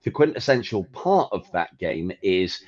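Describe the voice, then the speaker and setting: A man co-hosting a podcast, chatting casually and profanely about games with an animated, ranting manner. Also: low-pitched, a little slow, highs cut off. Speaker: podcast co-host. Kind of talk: casual gaming chat.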